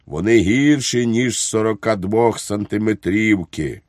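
A calm, deferential army chauffeur, as a man reads him who explains everything in a matter-of-fact tone. His voice is low and unhurried, and the recording is dry. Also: no room sound, natural voice.

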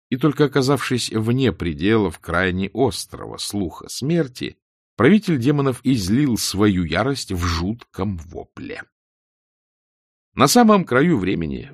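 A man narrating an audiobook in a measured, dry, ironic manner. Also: on the low side, dry recording. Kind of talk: scripted narration.

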